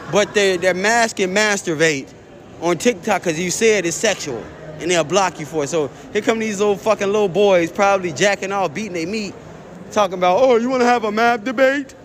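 High-voiced man. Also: slight background noise. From Chicago. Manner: profane, rambling storytelling. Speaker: show host. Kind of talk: casual monologue.

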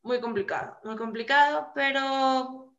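A woman in her twenties telling her story in a casual podcast chat over a video call, animated and full of fillers. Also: high voice, measured pace, slight background noise. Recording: echoey lo-fi call audio.

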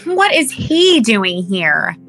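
Bright, tense, secretive woman, played by an actress. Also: mid-range voice, big pitch swings, slow pace, soft background music, full character voice. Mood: guarded. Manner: evasive, tense. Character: guarded, secretive woman about to flee. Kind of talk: audio drama acting.

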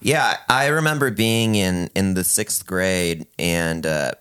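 Chill guy in his 30s, very deep smooth voice, drawls out his vowels, lots of ums. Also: fairly bright tone. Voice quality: talks out of the side of his mouth, drawn-out vowels. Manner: laid-back, rambling with fillers. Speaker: podcast guest. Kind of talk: casual chat.

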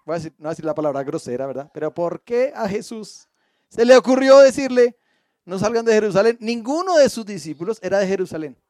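A man's voice: sits high, expressive, fast talker, darkish tone, dry recording, clean studio sound. A man teaching a Bible study class. He reads the passage aloud, stops to explain it and often puts questions to his listeners, with playful asides. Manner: asks the audience frequent questions.

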